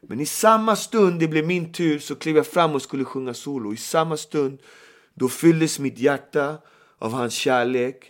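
Middle-aged man, animated storyteller. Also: on the high side. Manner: animated storyteller, acts out quoted voices. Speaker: guest storyteller. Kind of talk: casual podcast chat.

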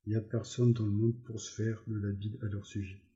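A man's voice: fairly low pitch, a little fast, muffled recording, lightly acted. George, a man voicing a weary ranch hand. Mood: tender. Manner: flat, monotone. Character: weary male ranch worker, protective, stiff.

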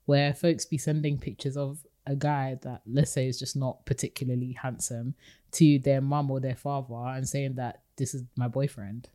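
Low-voiced London woman, urban slang. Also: flat delivery, normal speed, warm tone. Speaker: podcast co-host. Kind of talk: casual chat.

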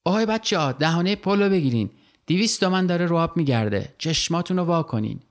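A man's voice: medium pitch, gravelly. A man voicing a boastful, fierce male river fisherman who taunts his prey in a storybook reading. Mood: shouting.

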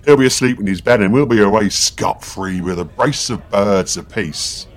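A woman voicing a boastful, drunken young male poacher who slurs his words and brags loudly in a told story. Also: a bass voice, moderate pace, pitched below the performer's own voice. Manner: slurring, loud bragging. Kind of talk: storytelling podcast.

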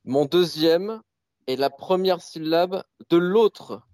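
A man's voice: on the high side, slow, darkish tone, no echo, studio quality. A man running a quiz on a podcast, reading out riddles in a playful, announcing manner. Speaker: quiz master.

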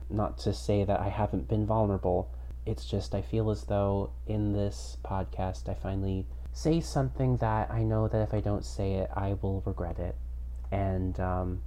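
A man hosting a casual podcast, earnest, candid and reflective, talking into headphones used as a microphone, with low-quality sound. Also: dark tone, slight background noise. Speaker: podcast host. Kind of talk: casual personal podcast introduction.

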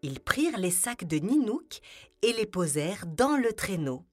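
A woman narrating a children's story in a gentle, expressive way. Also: mid-range voice, unhurried. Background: music.

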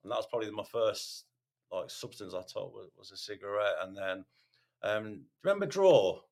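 A man with a very deep, low voice speaks candidly in an interview. He halts often, restarting his sentences and filling gaps with ums. His tone stays open and unguarded as he talks through his past. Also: lively intonation, creaky, a little mellow. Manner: halting, self-correcting, frequent ums and repeated words. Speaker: podcast host, sharing his recovery story.

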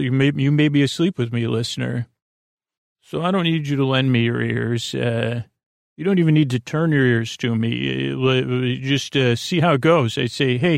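A podcast host with a creaky, mid-range male voice delivers a halting, meandering bedtime monologue, stammering and circling back on phrases while sounding gently reassuring. The recording is studio quality with no echo.

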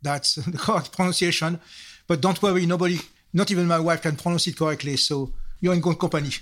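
Older man, French accent, slightly high voice, methodical podcast guest. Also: steady tone, fast talker, fairly bright tone. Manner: explanatory, enumerates points with frequent restarts. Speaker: guest, software architect. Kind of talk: interview answers.

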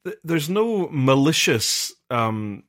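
A man's voice: on the high side, big pitch swings, slow pace, a bit bright. A man co-hosting a casual discussion podcast as a vicar, explaining earnestly at length with many fillers and restarts.

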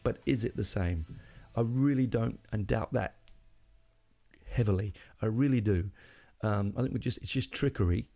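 A man's voice: fairly low pitch, normal speed, vocal fry, warm tone, faint music behind. A middle-aged man hosting a podcast, talking alone in a rambling, opinionated way and often correcting himself mid-sentence. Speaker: podcast host. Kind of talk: casual solo monologue.

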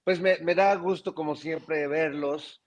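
A man on a talk panel, joking in a deadpan, mock-mournful way. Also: fairly high pitch, unhurried, crowd noise. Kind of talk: comic panel banter.

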